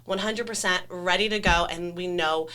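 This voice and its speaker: A woman's voice: on the low side, steady tone, normal speed, bright, forceful tone. A woman working as a staff trainer explains procedures conversationally in a corporate training video interview, with an enthusiastic, emphatic manner.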